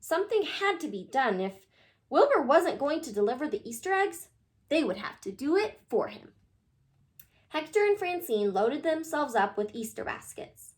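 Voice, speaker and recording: A woman with a high-pitched, animated voice reads a picture book aloud to children at a moderate pace. She's expressive throughout, exclaiming to her young listeners.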